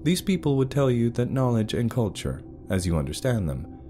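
A man voicing a calm male artificial intelligence that oversees a world, speaking in a measured, explanatory way. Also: medium pitch, soft background music, voice pushed up, natural voice.

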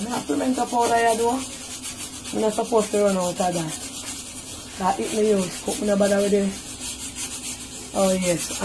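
A woman's voice: mid-range voice, background noise. Jamaican woman chatting while cooking. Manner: chatty, talks to viewers as she cooks. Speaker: home cook. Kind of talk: casual cooking vlog. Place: home kitchen.

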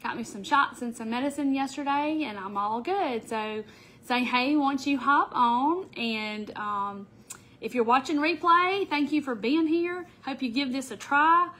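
The voice is a middle-aged woman's: high-pitched, a little slow, and a bit bright, with the nasal sound of a stuffy nose from a summer cold. She hosts a chatty, casual craft livestream from an indoor craft room, greeting viewers by name along the way, picked up by a camera on the table before her.

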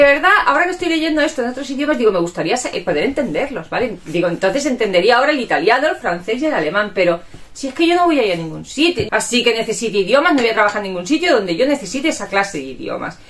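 Chatty woman with a lively, high-ish voice. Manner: chatty and rambling, with frequent tag questions. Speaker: vlogger. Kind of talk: casual chat to viewers. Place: at home.

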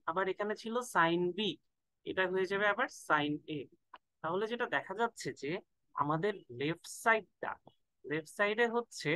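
A man's voice: sits high, bright, forceful tone, dry recording, poor audio. A man tutoring math in a casual lesson, thinking aloud and stretching words out while he works through formulas. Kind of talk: casual lesson, mixing in English.

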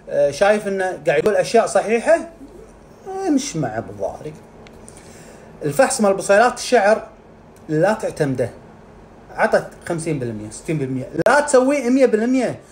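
A man's voice: high voice, darkish tone. A man explaining health topics casually. He talks animatedly and acts out scenes with sound effects. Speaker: integrative medicine specialist.

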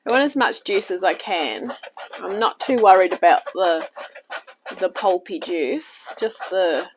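Against a noisy background, a woman with a medium-pitched, expressive voice takes her time explaining a recipe at her kitchen table. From New Zealand, she keeps a chatty, reassuring tone in this cooking demo, though she's still a little weak from being ill and coughs now and then.

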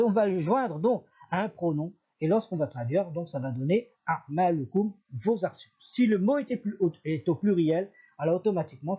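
A man's voice: high-pitched, slightly rough, dull audio. A man teaching an Arabic lesson, patiently repeating each example and correcting himself as he goes. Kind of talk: recorded language lesson.

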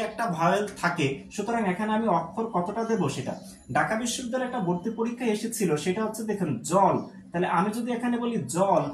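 An exam-prep teacher gives a live online lesson. The teacher asks questions, answers them, repeats key points and drops English words into the talk. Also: medium pitch. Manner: mixes English words into speech. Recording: echoey room with faint background noise.

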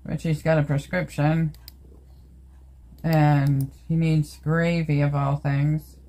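A woman's voice: low voice, little pitch movement, slow pace, mellow. An older Canadian woman films herself with a handheld phone and chats away, easy and homey. She talks to her cat and her viewers with an everyday voice. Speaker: vlogger. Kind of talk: casual everyday vlog. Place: home indoors, then outdoors in snow and in a vehicle.

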